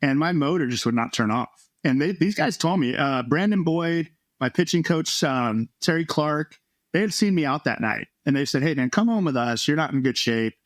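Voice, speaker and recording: A man telling a candid, confessional story as an interview guest, his voice sitting a little high for a man. He talks with earnest feeling, and his pitch jumps when he quotes what other people said. The sound is dry and close, with no room around it. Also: lively intonation, moderate pace, no echo. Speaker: guest, former baseball pitcher.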